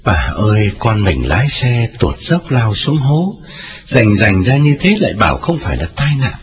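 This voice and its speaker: Man playing a weary old husband, gruff, flat, soothing, dismissive. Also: lowish voice, moderate pace, highs cut off. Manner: flat, soothing matter-of-fact tone.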